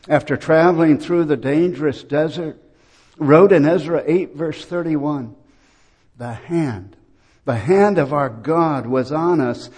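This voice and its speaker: Slow, warm-voiced male preacher. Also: a little high. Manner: slow, measured preaching with dramatic pauses. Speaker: pastor. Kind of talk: sermon.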